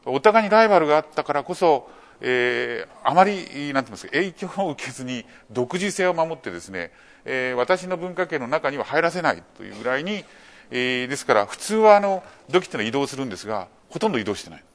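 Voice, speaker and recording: A man giving a public lecture, explaining in a measured way with many fillers and rhetorical questions to the audience. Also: medium pitch, very animated. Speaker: lecturer on archaeology.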